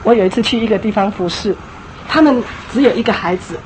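A woman's voice: medium pitch, quick pace, noisy background. A woman giving an emphatic, conversational church talk on parenting, often acting out little scenes as she goes.

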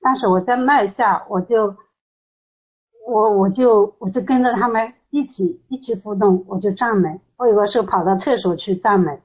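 A woman sharing a personal testimony in an online prayer room, emotional and rising high as she recounts her prayer. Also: normal speed. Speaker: testimony speaker. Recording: muffled lo-fi online voice chat.

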